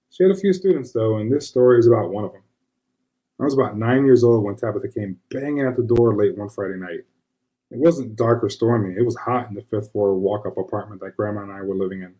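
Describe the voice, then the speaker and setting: In a first-person storytelling monologue, a man plays a plain, self-described square fellow remembering his grandmother, who was a witch. His voice is fairly low and warm, close to how he'd normally talk, and the tone is conversational and confiding, though the audio sounds dull.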